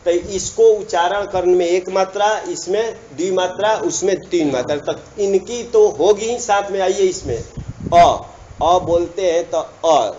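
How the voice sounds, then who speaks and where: High-voiced man teaching grammar, muffled. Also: dark tone, a little hiss or hum. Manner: drawn-out, repeats and prompts students for answers. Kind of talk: classroom lecture with call-and-response.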